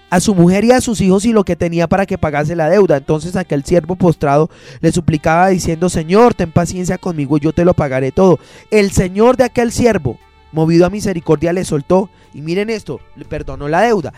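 A man's voice: high voice, a little mellow, no room sound. A male pastor preaching a sermon, stopping and restarting his sentences as he explains a Bible passage. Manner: preaching with many pauses and restarts. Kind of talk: radio sermon.

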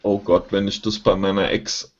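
A man co-hosting a talk show, sardonic and dismissive, tossing in tag questions. His voice sits low, on a dull, lo-fi recording. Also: flat delivery, moderate pace, a little hiss or hum. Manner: dismissive, sardonic, seeks agreement. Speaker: podcast co-host. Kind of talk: casual talk show chat. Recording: dull lo-fi sound.

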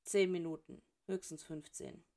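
A woman's voice: lowish voice, steady tone, unhurried, warm tone. Woman reading a sardonic middle-aged wizard. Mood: curt. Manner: dry, sardonic. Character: dry, sarcastic middle-aged male potions master. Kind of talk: audiobook character reading.

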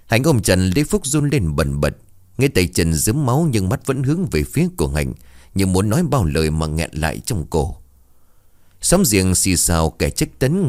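A man reading a story aloud in an expressive, dramatic way. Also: low-pitched, no echo, clean studio sound. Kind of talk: scripted story narration.

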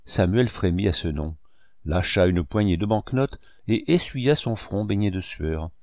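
A man narrating a classic novel in a steady, dramatic reading. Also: deep voice, a little slow, no echo, clean studio sound. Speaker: audiobook narrator. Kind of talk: scripted narration.

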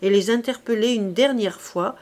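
A woman's voice: fairly high pitch, moderate pace, darkish tone, natural voice. Woman reading as a stern male prosecutor. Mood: formal. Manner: severe, formal, accusatory. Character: stern male public prosecutor, cold and accusing.

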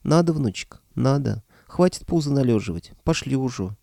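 A man's voice: medium pitch, lively intonation, normal speed, creaky, warm tone, dry recording, studio quality, voice pushed up. A man voicing an old grandfather who scolds his grandson in folksy sayings in an audiobook. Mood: scolding. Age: older. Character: grumbling old village grandfather. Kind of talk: audiobook character voice.

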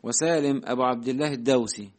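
Male student reading out the book in class, steady, mid-pitched voice. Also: fast. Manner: reads steadily, answers briefly. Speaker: student reading the text aloud.

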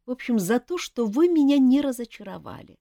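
A woman's voice: high-pitched, very animated, a little fast, warm tone, dry recording, clean studio sound, pitched above the performer's own voice. A woman voicing a frank, earnest young woman in an audiobook, speaking in a forthright way.

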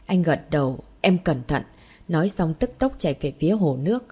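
A woman narrating a romance story as an audiobook in an even storytelling manner. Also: low-pitched, fast, slightly rough.

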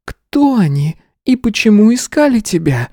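A man voicing an eccentric, fiery woman who owns the house, speaking high, loud and indignant. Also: very animated, unhurried, dry recording, clean studio sound, heavily acted.

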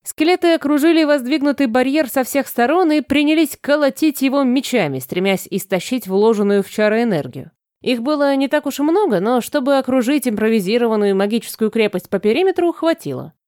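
A woman narrating a fantasy audiobook in an even, measured storytelling manner. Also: high voice, no room sound, studio quality.

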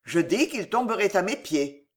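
A cold, calculating queen mother voiced by a woman reader who persuades in measured, deliberate phrases. Her pitch rises and falls in a lively way. Read as an audiobook character. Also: lightly acted. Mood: persuasive. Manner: measured, persuasive, coolly triumphant.

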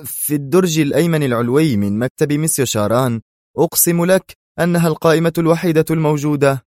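A man's voice: on the high side, quick pace, a little mellow, no echo, clean studio sound, pitched above the performer's own voice, lightly acted. A man voicing a terrified male captive in an audiobook thriller, his words shaky and pleading.

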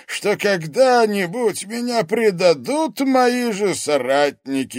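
A man voicing a cold, grandiose sorcerer oracle in a slow, commanding audiobook manner. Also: fairly high pitch, no echo, studio quality, voice pushed up, exaggerated voice. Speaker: audiobook narrator. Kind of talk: audiobook character voice.

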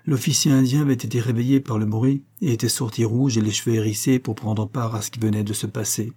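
A man reading a classic novel aloud in a steady, measured narration. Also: mid-range voice, slightly rough. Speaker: audiobook reader.

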